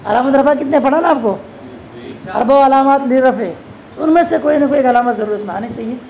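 A woman teaching a classroom grammar lesson, constantly posing quick questions to her students and answering them herself. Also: high voice, darkish tone, low-quality recording. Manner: addresses students as "beta". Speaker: religious teacher.

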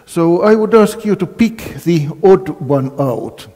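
Older male lecturer from Finland, mellow voice, quizzing the audience with many fillers, reverberant lecture hall. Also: high voice, lively intonation, slow pace. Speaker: physics lecturer. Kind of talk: university colloquium lecture.

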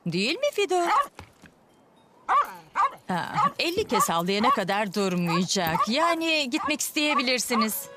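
A brisk girl agent. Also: a little high, big pitch swings, heavy background noise. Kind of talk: dubbed kids' show acting. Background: music.

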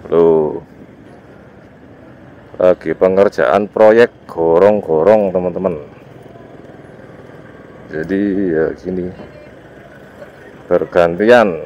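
Out on village roads by motorbike, a male motovlogger with an East Javanese accent offers informal commentary to viewers in a very deep, mellow voice congested from a cold. He talks extremely slowly with long pauses, in short, loose phrases, while the dull, muffled recording catches faint vehicle and road noise.

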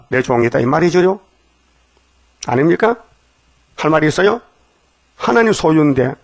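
A man's voice: on the high side, vocal fry, no echo. A man preaching a dawn sermon in a blunt, colloquial way, scolding his listeners and prodding them again and again with a rhetorical "eh?". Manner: plain-spoken and colloquial.

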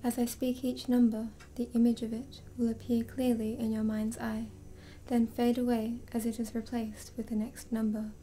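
A woman hypnotist leading a slow, soothing induction, drifting in and out of a whisper. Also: fairly high pitch, mellow, a little hiss or hum.

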